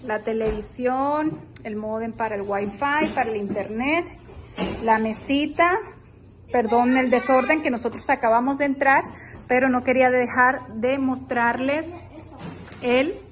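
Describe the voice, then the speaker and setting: In this casual house-tour vlog, a woman walks through a beach rental with her phone in hand, talking to her viewers as "girls" in a chatty, excited way. Her slightly high voice keeps a measured pace, and a crowd can be heard behind her.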